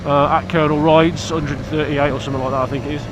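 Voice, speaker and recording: Lo-fi sound and background noise surround this British man, whose voice is on the high side, level in tone and quick in pace. A motorcycle vlogger stuffed up with hay fever, he rambles casually to camera outdoors about his motorbike, blunt and cheeky.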